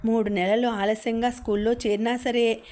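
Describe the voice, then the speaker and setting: A woman's voice: a little high, flat delivery, normal speed, a little mellow, natural voice. A woman voicing a polite, middle-aged male private tutor speaking earnestly to a mother, in an audiobook.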